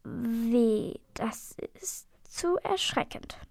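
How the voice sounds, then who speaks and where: A woman's voice: fairly high pitch, lively intonation, extremely slow, no room sound, full character voice. A woman voicing a cheeky, easygoing male dragon in a children's storybook reading. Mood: teasing.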